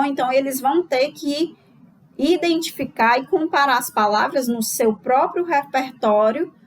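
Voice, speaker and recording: A woman giving a recorded lesson to teachers, explaining step by step and checking in with the listener after each point. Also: high-pitched. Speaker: teacher trainer.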